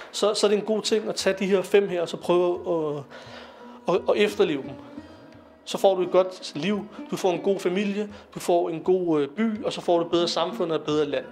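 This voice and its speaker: A man's voice: high-pitched, darkish tone, soft background music. A young man giving an informal lecture to young people, talking conversationally with fillers and asking his listeners questions. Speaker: lecturer on Sikh philosophy.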